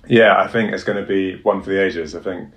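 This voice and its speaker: A man's voice: low voice, fairly even intonation, a little fast. A man giving interview answers as a guest editor, thoughtful and hedging.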